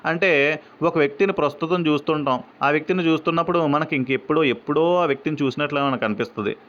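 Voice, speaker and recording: A man's voice: on the high side, quick pace, a bit bright. A man giving an exam revision lesson. He asks questions and then answers them, dropping English phrases into his talk. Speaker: exam-prep teacher. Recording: dull, lo-fi recording.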